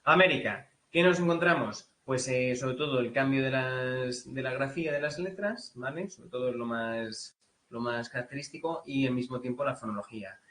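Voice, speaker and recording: A man's voice: medium pitch, moderate pace, fairly bright tone, slight background noise, low-quality recording. Spanish man teaching, casual with fillers. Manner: casual, many fillers, mimics English accents. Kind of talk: lecture.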